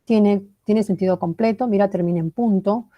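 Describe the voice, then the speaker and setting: A woman's voice: medium pitch, normal speed, highs cut off. A woman teaching a language class, explaining step by step, praising students by name and checking in with "¿verdad?". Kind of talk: online class lecture.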